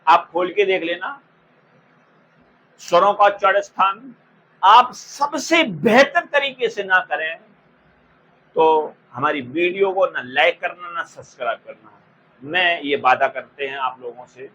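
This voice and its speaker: A man teaching an exam-prep lesson in a bright, high voice, speaking slowly and repeating each term so students can copy it down. He addresses the class with fond terms as he explains. Faint noise runs underneath the recording. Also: expressive, rough recording. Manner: slow, repeats terms for dictation.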